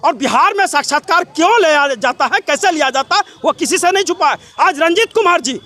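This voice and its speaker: A young man with a Bihari accent giving an impassioned interview in a breathless, run-on, forceful way, piling up clauses, repetitions and rhetorical questions. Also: very high-pitched, expressive, brisk. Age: young adult. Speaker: job candidate and protester being interviewed.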